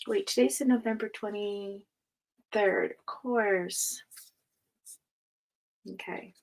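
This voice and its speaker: A woman's voice: mid-range voice, slow, a little mellow, rough recording. A tired woman hosting a casual tarot livestream, chatting with viewers and reading cards aloud, her speech a little slurred from a sore jaw. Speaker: tarot reader, livestream host.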